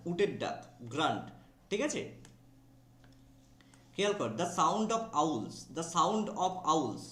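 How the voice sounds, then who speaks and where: A man's voice: a little high, a bit bright, echoey room. A man teaching an exam vocabulary class with a Bengali accent, drawling key English words, spelling them out and often checking that students follow.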